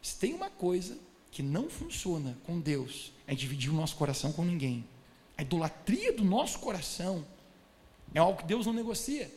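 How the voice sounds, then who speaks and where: A preacher with a high voice delivers an emphatic sermon, calling out to his listeners. His words echo with a long reverb through a church hall. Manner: emphatic, addresses the congregation directly.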